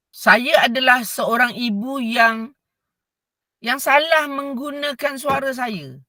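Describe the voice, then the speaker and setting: A woman's voice: fairly high pitch, dry recording. A middle-aged woman with a Malaysian Malay accent, teaching a voice class and acting out scolding voices. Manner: expressive, acts out scolding voices. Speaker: vocal coach. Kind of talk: voice class talk.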